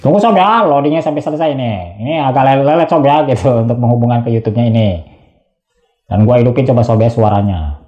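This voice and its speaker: A man's voice: medium pitch, quick pace, mellow, echoey room, dull audio. A man narrating a casual tech tutorial, chatty and slangy, constantly addressing viewers.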